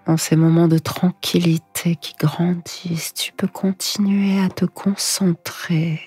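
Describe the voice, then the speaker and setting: A woman guiding sleep hypnosis in a hushed, breathy, soothing voice, slow and whispered right in the listener's ear. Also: lowish voice, level tone. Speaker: hypnosis guide. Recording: echoing voice over music. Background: music.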